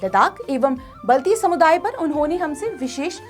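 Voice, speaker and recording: Woman reading news narration, high voice that swings a lot, faint music behind. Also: moderate pace. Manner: lively, formal news reading. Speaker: news presenter. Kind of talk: scripted narration.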